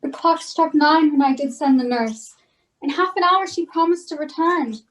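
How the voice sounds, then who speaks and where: A woman's voice: high voice, normal speed, fairly bright tone, far from the mic, low-quality recording. A woman reading an impatient, pleading young girl in love, in an amateur Shakespeare reading.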